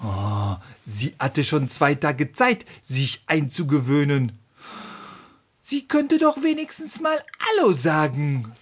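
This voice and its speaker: A woman voicing Serge, a vain, boastful rooster, in a children's audiobook; he drops French phrases and talks in a slow, theatrical way. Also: low-pitched, sing-song, breathy edge, exaggerated voice.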